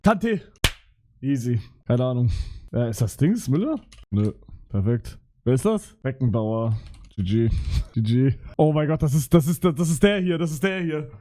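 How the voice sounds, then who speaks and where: A man's voice: medium pitch, lively intonation, measured pace, long pauses, warm tone. A young man streaming live, chatting casually in heavy street slang with swearing, rambling and flustered. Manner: slangy, swearing, repeats "Digga" and "Bruder".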